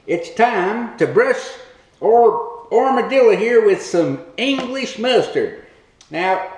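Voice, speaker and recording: A man's voice: very high voice, roomy sound. A man hosting a comic cooking demo in a home kitchen, talking in a rambling, folksy hillbilly way. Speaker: cooking show host.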